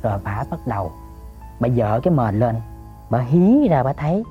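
A man telling a ghost story, dropping to hushed murmurs and jumping to sudden shouts, talking straight to his listeners. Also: medium pitch, big pitch swings, normal speed, dull audio, faint music behind. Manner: addresses listeners directly.

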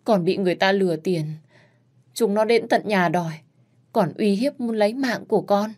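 A woman's voice: mid-range voice, moderate pace, darkish tone, voice pushed up, lightly acted. A woman voicing a cowardly, spoiled young man who talks in an anxious, whining way in a storybook reading. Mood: scared.

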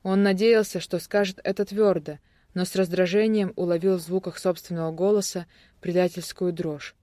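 A narrator giving a steady, even audiobook reading of a thriller. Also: mid-range voice, moderate pace, no echo.

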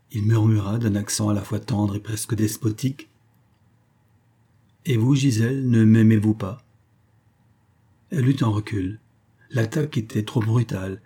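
A man reading a classic romantic story aloud in a measured, expressive way. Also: lowish voice, breathy edge. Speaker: audiobook narrator. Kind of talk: scripted narration of a classic story.

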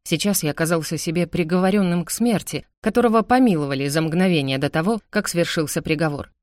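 Brief: female audiobook narrator, low voice, dry close sound, intense first-person reading. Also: quick pace, a little mellow, no echo.

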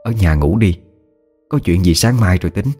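A man's voice: low voice, normal speed, dark tone, breathy edge, faint music behind. A man doing a fretting old village mother. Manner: anxious, fretting. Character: worried older village mother.

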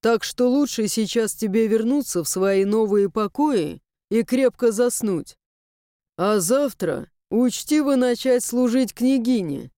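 Brief: woman doing stern young man, storybook, lower and measured, mellow smooth tone. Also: expressive, no room sound, studio quality. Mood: lecturing. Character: stern young man Inamir, proud and protective. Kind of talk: audiobook character voice.

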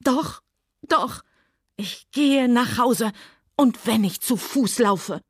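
A woman reading a novel aloud, voicing a desperate, headstrong young Southern woman who pleads in a high, tearful voice that breaks into screams. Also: animated, measured pace, slightly rough, no room sound, studio quality. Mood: hysterical. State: tearful, hysterical.

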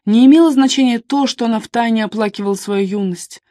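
A woman's voice: fairly high pitch, dry recording. Woman narrating an audiobook, dry close sound. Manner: even, measured reading. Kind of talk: scripted narration.

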